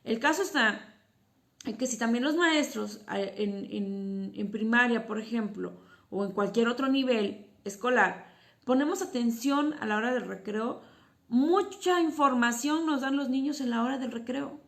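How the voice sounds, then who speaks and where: A woman gives an informal lesson to parents about children's emotions. Her voice sits a little high and carries a gravelly edge. She explains step by step and keeps asking rhetorical questions before she answers them. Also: a little slow. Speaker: psychotherapist and teacher. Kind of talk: informal educational talk to parents.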